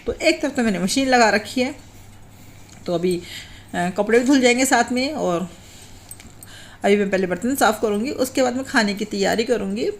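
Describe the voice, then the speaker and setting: A woman chatting to her viewers in a casual home vlog while cooking in her kitchen. She rambles, repeats filler phrases and clears her throat after a recent cough. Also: fairly high pitch, normal speed, long pauses. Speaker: home vlogger and mother.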